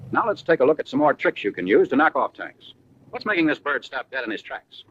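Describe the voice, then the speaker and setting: Brisk and sing-song, his mid-range voice has a touch of brightness as he narrates a scripted 1940s training film for the military. He's American, and his punchy, colloquial delivery is full of wartime slang, on a dull vintage soundtrack with faint background noise.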